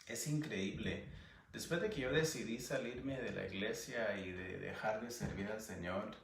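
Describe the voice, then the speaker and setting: A man from Guatemala with a Guatemalan Spanish accent, giving an earnest personal testimony as an interview guest, sometimes pausing to search for words. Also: on the low side, creaky, echoey room, distant mic, a little hiss or hum. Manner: earnest, searching for words, animated when recounting.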